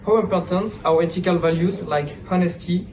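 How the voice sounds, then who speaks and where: A man's voice: high voice, steady tone, a little fast. A twenty-year-old man hosting a student panel, politely asking questions. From France. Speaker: host of the student podcast. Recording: distant mic, noisy room.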